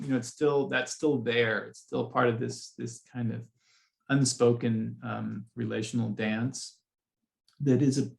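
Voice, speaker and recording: A man's voice: mid-range voice, gravelly, a little mellow. A man hosting a podcast, talking in a loose, rambling way with many asides during a casual conversation. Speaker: podcast host.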